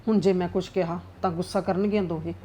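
A woman's voice: fairly high pitch, fast, slight background noise, natural voice. A woman acting as a scheming, nagging middle-aged mother-in-law who lectures and scolds in a family drama. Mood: muttering scheming.

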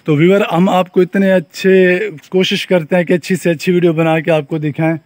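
An eager young man from Pakistan with a Saraiki-region Urdu accent vlogs his way around a farm and building site outdoors, holding a phone camera out selfie-style. His voice is on the high side with a darkish tone, and he keeps saying things like "look at this." There's no room sound.

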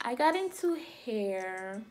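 A woman's voice: on the high side, big pitch swings, takes it slowly, darkish tone, faint music behind. A woman from Liberia talking casually to camera as a beauty vlogger, chatty and loose with frequent "um" and "you know".

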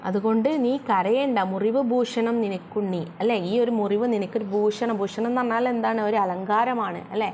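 A woman from Kerala, teaching a school poem. She reads the verses slowly, then explains them with quick questions she answers herself. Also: on the high side, steady tone, a little mellow, slight background noise.

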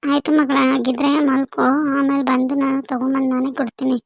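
A woman's voice: sits high, completely flat delivery, quick pace, gravelly, dry recording. Woman playing a fussy doting mother. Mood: fussing. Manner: fussy, insistent. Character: doting village mother fussing over her daughter. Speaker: mother in a family skit. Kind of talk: amateur village family skit.

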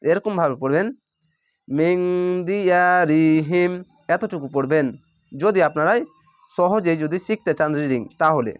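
High-voiced man teaching slow recitation. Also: lively intonation, no echo, clean studio sound. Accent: Bangladeshi Bengali. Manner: patient, repeats rules, drawls out words slowly. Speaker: Quran reading teacher. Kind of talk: step-by-step recitation lesson.

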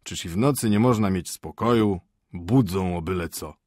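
A man reading an audiobook and voicing a grumpy, sleepy husband who grumbles gruffly. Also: low voice, normal speed, darkish tone, dry recording, clean studio sound. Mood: grumbling. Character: grumpy, sleepy middle-aged husband, a prosecutor's assistant. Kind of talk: audiobook character voice.

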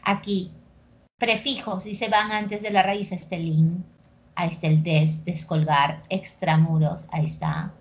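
A young woman with a Peruvian accent teaching a language class, lively and constantly checking that students follow along. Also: fairly low pitch. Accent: Peruvian Spanish. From Peru. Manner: lively, keeps checking understanding with quick tag questions. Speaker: pre-university language teacher. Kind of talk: recorded class lecture.

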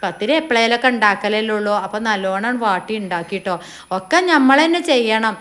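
Chatty woman vlogging. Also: brisk. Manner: homely and talkative, drops into a soft low voice on sad family news. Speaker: family vlogger and mother. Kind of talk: casual chatty vlog narration.

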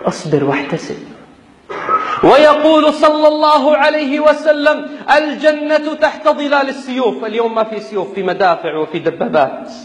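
Male preacher, very high voice, impassioned and exhorting in a fiery sermon, echo-heavy hall sound. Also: slight background noise. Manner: impassioned, exhorting, rhetorical questioning. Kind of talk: fiery sermon with scriptural recitation. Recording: echoey, long reverb.

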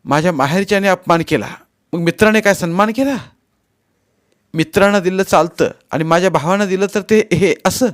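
A male narrator voicing a young married woman who is hurt and close to tears, speaking higher and louder than his narration. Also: expressive, unhurried. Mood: indignant. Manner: pitched up, pleading then indignant.

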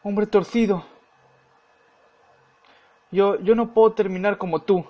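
A man's voice: high-pitched, steady tone, slow pace, lo-fi sound. A man commentating a horror game, reading its text aloud and swearing and yelping when scared. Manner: swears and yelps when startled. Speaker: gameplay commentator.

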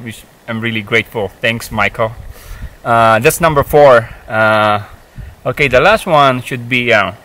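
Low-quality audio captures a fifties-aged hiking vlogger chatting to camera from a forest rock. His mid-range voice sounds pushed and bright, and his talk is hesitant, full of fillers and restarts.

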